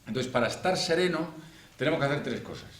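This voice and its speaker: A man's voice: medium pitch, expressive, fast. A middle-aged man, a financial coach, giving a chatty conference talk and acting out little quoted dialogues as he goes. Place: conference room. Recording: echoey hall with faint noise.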